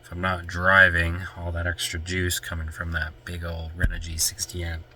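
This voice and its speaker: Speaking in a low, monotone voice at a moderate pace, this Canadian van-lifer has a bright, forceful tone and a congested nose. He vlogs to camera in a chatty, rambling way, getting sidetracked easily.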